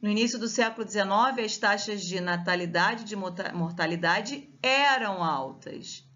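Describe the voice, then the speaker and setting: A woman's voice: medium pitch, moderate pace, sharp tone. Woman teacher, Brazilian Portuguese accent, grammar lesson, step-by-step explaining, muffled lo-fi sound. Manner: explains step by step, checks with students.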